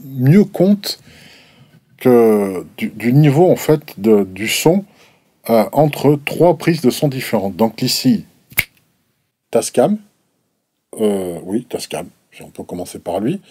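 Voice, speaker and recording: A man's voice: medium pitch, animated, takes it slowly, warm tone, husky, dry recording. A man reviewing microphones in a casual, explanatory way, hesitant and full of restarts and fillers. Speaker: gear reviewer. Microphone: desk microphones at a distance, switched between.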